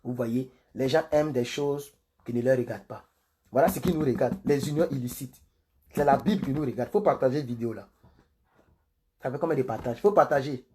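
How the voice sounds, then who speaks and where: A man reading the Bible on a livestream and commenting between passages, slow and solemn in the readings and quick and chatty in his asides to viewers. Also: fairly high pitch, mellow. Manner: chatty, repeatedly urging viewers to share. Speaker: Bible reader and preacher.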